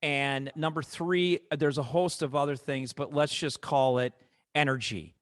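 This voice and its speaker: A podcast host with a Chicago accent talks in a lively, opinionated rush. His voice sits on the higher side for a man. The recording is dry and close, with no room sound. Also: a little slow, dry recording. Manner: animated, opinionated ranting. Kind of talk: casual podcast discussion.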